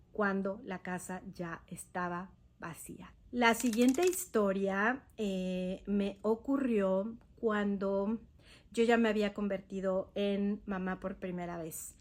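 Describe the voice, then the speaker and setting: A woman with a Mexican accent telling her own ghost stories to listeners, chatty and hesitant, slowing down for suspense. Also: mid-range voice. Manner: conversational, hesitant fillers, slows for suspense. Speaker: podcast host. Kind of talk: personal ghost-story telling.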